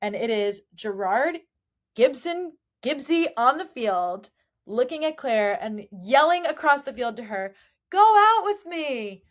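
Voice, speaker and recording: A woman hosting a casual book-discussion podcast, chatty and animated, with fillers. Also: on the high side, a little slow. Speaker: podcast host.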